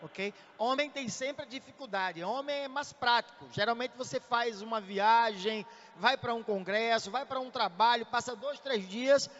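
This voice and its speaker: A man with a Brazilian Portuguese accent giving a measured church teaching talk on marriage, often checking in with his listeners. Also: extremely high pitch, a bit bright. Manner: measured, checks in with "tá?" tag questions. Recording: echoey hall, dull lo-fi sound.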